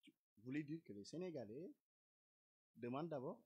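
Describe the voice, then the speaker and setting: A woman's voice: rumbling low, animated, moderate pace, dark tone, husky. A woman interviewer who hesitates often while steering the conversation from country to country. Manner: hesitant, many "euh" fillers. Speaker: interviewer host.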